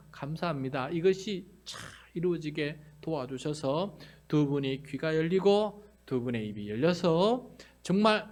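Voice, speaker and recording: A male pastor delivering a sermon, earnest and direct with the congregation, dropping to hushed whispers and rising to loud emphatic cries. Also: on the high side.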